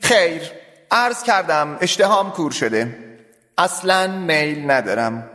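A man's voice: fairly high pitch, lively intonation, pushed and bright, long reverb tail. A man voicing a smug, overly formal engineer villain who speaks with sarcasm in an audiobook story. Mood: stiff.

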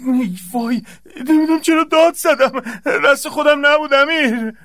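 A man's voice: very high voice, no room sound. An actor playing a jittery, easily panicked young male student who stammers when scared. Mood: nervous. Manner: stammering, excitable.

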